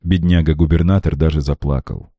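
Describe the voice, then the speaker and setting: Deep, dark-voiced male audiobook narrator. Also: steady tone, brisk, dry recording, clean studio sound.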